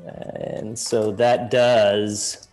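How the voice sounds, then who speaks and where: A man's voice: fairly low pitch, level tone, very slow, darkish tone, faint music behind. A man running a tabletop game as game master, narrating in a loose, hedging way and laughing often.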